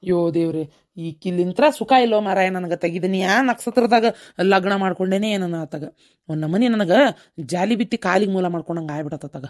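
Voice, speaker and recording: A woman's voice: on the low side, fairly quick, darkish tone, lightly acted. Grumbly cartoon husband, voiced by a woman, north karnataka kannada, whines and moans a lot. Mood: complaining. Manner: complaining, whiny grumbling. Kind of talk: cartoon comedy voice acting.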